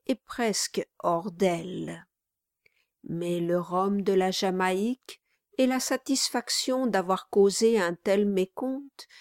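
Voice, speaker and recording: A woman narrating a classic novel as an audiobook in a measured, deliberate reading. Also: mid-range voice, a little mellow, dry recording, studio quality. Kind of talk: scripted narration.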